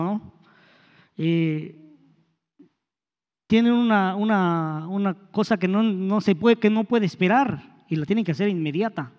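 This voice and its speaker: A man's voice: sits high, darkish tone. A man preaching a sermon in a conversational way, with hesitant restarts and rhetorical questions. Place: church hall. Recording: long hall reverb.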